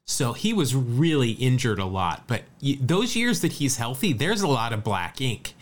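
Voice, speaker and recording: A man co-hosting a casual sports podcast, reeling off statistics with a light, chatty manner. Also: mid-range voice. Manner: lively, rattles off stats. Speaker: podcast co-host.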